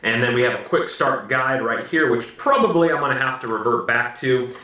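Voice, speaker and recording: Speaking a little fast in a pushed, bright, mid-range voice, a slightly hoarse American man in his thirties casually unboxes a gadget in his living room. He stays upbeat and keeps repeating "very, very cool, guys," recorded by a camera mic a short distance away in an echoey room.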